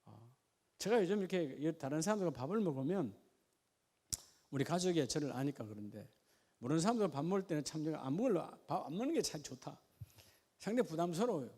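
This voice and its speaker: A man preaching a sermon, asking the congregation questions in a folksy way and at times dropping to a quiet, chatty aside. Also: on the high side, sing-song, fast, pauses often, husky. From Gyeongsang region of Korea. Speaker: pastor.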